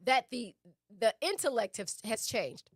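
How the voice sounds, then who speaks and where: A woman's voice: a little high, big pitch swings, measured pace, vocal fry, breathy edge, no room sound, clean studio sound. A woman co-hosting a relationship talk show who speaks emphatically, repeats her key points and asks rhetorical questions. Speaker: relationship podcast co-host. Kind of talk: conversational teaching talk.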